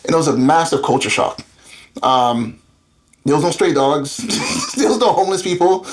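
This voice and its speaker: A man in his thirties who grew up in Florida speaks in a fairly high, expressive voice at a moderate pace. He's an entrepreneur guesting in a casual interview, telling his story candidly in rambling talk full of fillers.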